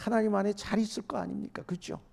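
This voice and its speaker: Male pastor with a slightly high voice, preaching a sermon that moves between loud emphasis and quiet asides while he quizzes the congregation. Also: fairly even intonation, very fast, gravelly. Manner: asks the congregation questions and answers them himself; swings from loud emphatic lines to hushed asides.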